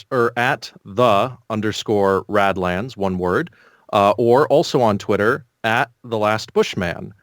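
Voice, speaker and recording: A man giving casual, explanatory answers as an interview guest, thinking aloud with measured pauses. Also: low voice, dry recording, clean studio sound.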